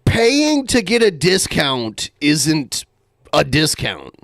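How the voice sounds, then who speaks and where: A man's voice: fairly high pitch, wildly swooping pitch, slow, a bit bright, no room sound, clean studio sound. A man co-hosting a show, commenting casually on clips in a blunt, sweary way. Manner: profane, blunt. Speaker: show co-host.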